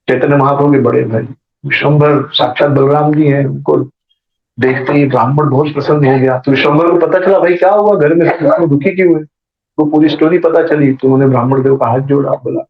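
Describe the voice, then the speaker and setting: A man giving a sermon as a storyteller, acting out the voices in his story and adding joking asides. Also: on the high side. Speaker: preacher. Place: temple hall. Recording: echoey dull temple hall recording.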